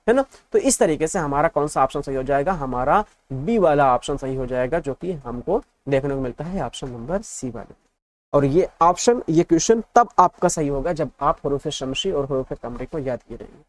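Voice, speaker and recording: In this exam-prep class, a man with a fairly high-pitched voice patiently drills letters in lists he repeats again and again. He keeps asking the class check questions.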